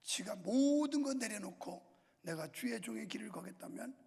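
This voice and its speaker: A man's voice: high-pitched, animated, moderate pace, vocal fry, a little mellow, slightly rough. A pastor in his sixties preaching a sermon in a church, telling stories in a casual, colloquial way with scolding outbursts. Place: church sanctuary. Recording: long church reverb.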